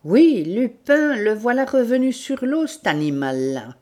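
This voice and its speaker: An eager, talkative police sergeant lifts his voice as he speaks up to his chief, quick to agree and keen to please, as a woman narrator puts him on. He is voiced in a read-aloud detective novel. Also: sits low, big pitch swings, heavily acted.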